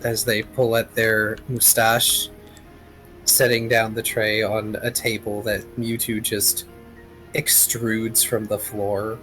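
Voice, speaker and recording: A man's voice: on the low side, little pitch movement, slow pace, fairly bright tone, soft background music, poor audio. A man running a tabletop role-playing game, narrating and chatting casually as game master.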